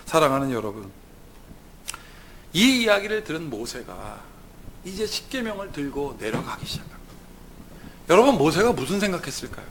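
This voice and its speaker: A man's voice: a little high, sing-song, moderate pace, long pauses, a little hiss or hum. A man preaching a sermon as a pastor, telling the story vividly and putting rhetorical questions to the congregation.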